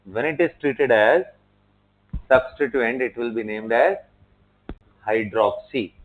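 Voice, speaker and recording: A male chemistry teacher lectures at an unhurried pace, spelling terms out letter by letter and checking in with his class. His voice sits at an ordinary middle pitch. The recording is narrow and tinny, like a phone line. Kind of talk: classroom lecture mixing Hindi and English.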